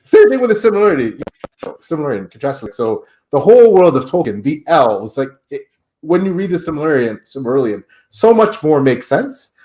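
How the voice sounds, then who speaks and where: A man's voice: a little high, sing-song, a little fast, mellow. A man hosting a podcast interview, enthusiastic and rambling, often repeating words as he talks. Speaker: podcast host. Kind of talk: casual interview chat. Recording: roomy echo.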